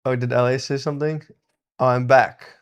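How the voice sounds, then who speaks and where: Male host, mid-pitched, easygoing live-stream chatter at a repair bench, laughs a lot and reads out viewer messages. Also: flat delivery, brisk, smooth. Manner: chatty, laughs often, greets and thanks viewers. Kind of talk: casual live-stream chat while soldering.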